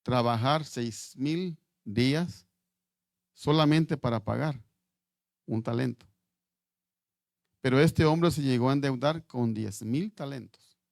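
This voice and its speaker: Male preacher, gravelly low-set voice, dry close sound, halting sermon delivery with restarts. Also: no echo. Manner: halting, repeats words while reading scripture aloud.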